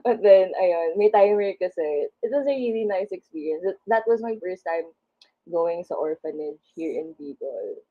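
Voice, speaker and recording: A woman's voice: fairly low pitch, lively intonation, moderate pace. Giggly twenty-year-old Filipino woman on a call. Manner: giggly, bubbly, laughs often. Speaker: guest. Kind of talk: casual online interview, Taglish. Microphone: video call. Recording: dull lo-fi video call audio.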